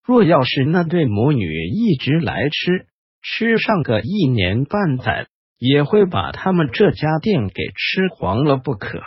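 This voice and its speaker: Man, ghost-story narrator, very husky, slow, dull muffled sound. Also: dry recording. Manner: slow, hushed storytelling with lively pitch. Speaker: host and storyteller.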